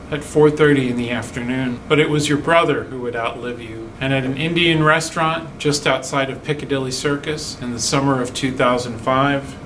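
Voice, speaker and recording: A middle-aged man performing a dramatic elegy in a measured, poetic, sorrowful and wistful way, with deliberate pauses. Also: mid-range voice, a bit bright. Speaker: monologue performer. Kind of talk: dramatic spoken elegy monologue. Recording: distant mic, faint room hum.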